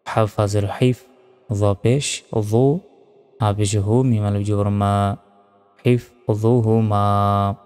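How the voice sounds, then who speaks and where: A man teaching Quran reading, spelling out the Arabic letters and vowel marks one by one and chanting each verse in a slow, drawn-out way. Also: lowish voice, steady tone, dark tone, clean tone. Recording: long reverb, faint music.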